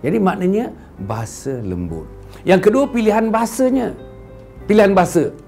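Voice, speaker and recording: A middle-aged man from Klang in Malaysia, speaking with a Malaysian Malay accent, giving an animated sermon to viewers and acting out quoted speech with playful asides. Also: sits high, normal speed, gravelly, soft background music. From Klang, Selangor, Malaysia. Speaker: religious speaker addressing viewers. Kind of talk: lecture-style sermon to a camera audience.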